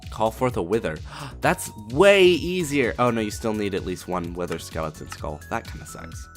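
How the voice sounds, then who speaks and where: A man hosting a video game let's play, commenting in a profane, excitable and jokey way. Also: on the low side, moderate pace, soft background music.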